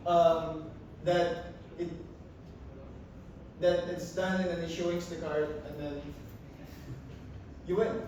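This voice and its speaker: A man giving an informal, halting hackathon demo. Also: fairly high pitch, fairly even intonation. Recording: echoey hall from far off, faint noise.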